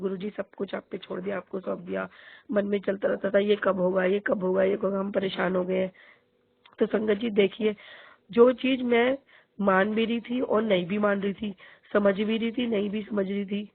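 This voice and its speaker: A middle-aged woman speaks to a congregation in a devotional testimony. Her sore throat leaves her voice husky and gravelly, and she says things twice for emphasis. The sound is tinny, phone-like and dry. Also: medium pitch, no room sound. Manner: earnest, repeats phrases for emphasis. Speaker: devotee sharing a spiritual experience.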